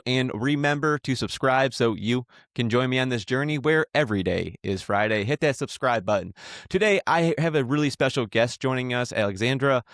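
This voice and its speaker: A man's voice: mid-range voice, fairly bright tone, no room sound, clean studio sound. A man hosting a podcast, friendly as he asks scripted interview questions. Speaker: podcast host.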